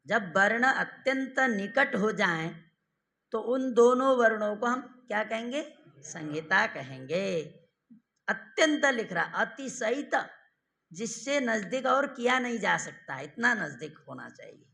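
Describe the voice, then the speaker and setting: A man teaching Sanskrit grammar in a lecture, quizzing his listeners with questions and repeating each definition slowly. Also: high-pitched, animated, gravelly, bright, forceful tone. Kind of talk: classroom lecture.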